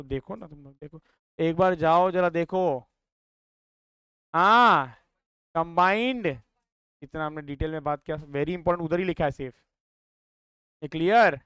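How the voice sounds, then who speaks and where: An Indian-accented man tutors a maths class in a fairly high voice. His tone is smooth and clear, and he keeps firing quick questions at his students. The sound is dry and close, with no room echo. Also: fairly bright tone. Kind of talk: classroom lecture.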